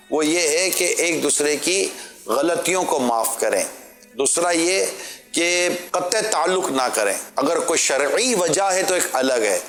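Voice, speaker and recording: A man's voice: sits high, a bit bright, echoey room. A man preaching a sermon, earnestly pleading with rhetorical questions and short acted-out bits of family quarrels.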